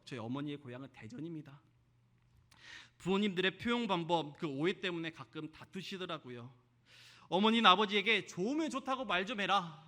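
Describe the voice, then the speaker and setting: A male pastor from Jeolla gives a Sunday sermon in an easy, chatty manner. He keeps asking the congregation questions and tells light stories that poke fun at himself. His voice sits high for a man and has a sharp, bright edge. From Jeolla, South Korea. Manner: conversational preaching with rhetorical questions and self-deprecating stories.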